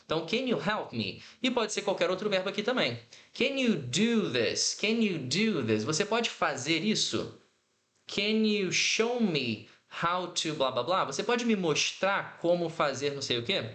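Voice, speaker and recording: A man teaching English in an online lesson, patiently explaining and repeating example phrases slowly. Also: fairly high pitch, fairly bright tone, reverberant.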